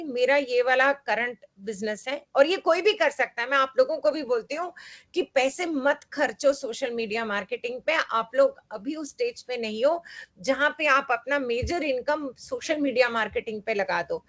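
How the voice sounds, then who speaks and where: A woman with a high, bright-toned voice leads a workshop on brand storytelling. She is middle-aged and talks in an animated, chatty way, slipping English phrases into her sentences. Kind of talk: lively workshop talk.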